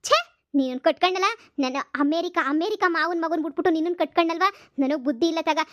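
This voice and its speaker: A woman voicing a sulky, vain young wife from a village who has started college, whining and snapping in a cartoon comedy. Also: very high voice. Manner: whiny, sulking, sharp-tongued.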